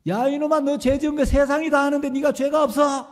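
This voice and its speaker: A stern older pastor barks out harsh scolding, as a male preacher acts him out, his voice pushed high and loud. The shouts ring with a long reverb, as in a large church hall. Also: little pitch movement, fairly quick. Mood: furious scolding.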